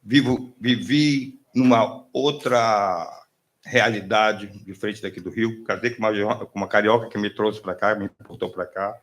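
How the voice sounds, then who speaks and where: A middle-aged documentary filmmaker from northern Brazil, introducing himself in a chatty way and checking in with tag questions. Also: male voice, lowish voice, fairly even intonation, unhurried, a bit bright. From Belém, Pará, northern Brazil. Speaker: documentary filmmaker speaking from the floor. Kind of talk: casual spoken introduction.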